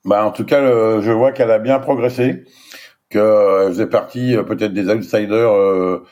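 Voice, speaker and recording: Low-voiced man, race director. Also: fairly even intonation, moderate pace, a little mellow. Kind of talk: casual interview chat.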